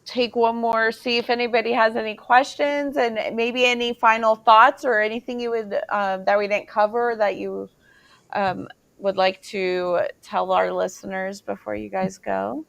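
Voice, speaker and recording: A woman's voice: fairly high pitch, little pitch movement, measured pace, vocal fry, fairly bright tone, no room sound. A woman hosting an interview over a video call, talking earnestly with many fillers. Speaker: host.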